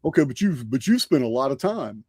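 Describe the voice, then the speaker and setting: Very animated and fairly quick, this podcast host speaks at a medium pitch with a darkish, breathy-edged tone. He chats casually on his live online show from a home studio, rambling and frequently restarting or repeating phrases, captured in a dry, studio-quality recording.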